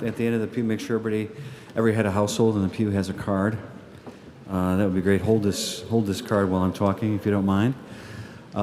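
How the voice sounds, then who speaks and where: A man's voice: fairly low pitch, darkish tone, slight background noise. A man, the pastor, giving a chatty, folksy homily at Mass, with many fillers and restarts. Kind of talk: casual homily with an appeal. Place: church at Mass.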